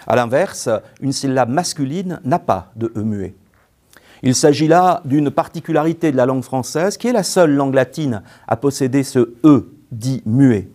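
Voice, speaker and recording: A man reads a prepared grammar lesson at an unhurried, deliberate pace. His voice is mellow and dark, and he breaks words into syllables with care. The delivery is calm and methodical, like a recorded course. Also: medium pitch. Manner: slow, careful, spells out syllables. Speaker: teacher. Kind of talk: scripted lesson narration.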